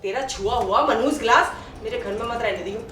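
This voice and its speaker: A woman's voice: fairly high pitch, brisk, fairly bright tone, lightly acted. An actress playing a proud, casteist mother-in-law who scolds her daughter-in-law and her maid with contempt. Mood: scolding. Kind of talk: short film acting. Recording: echoey room with music.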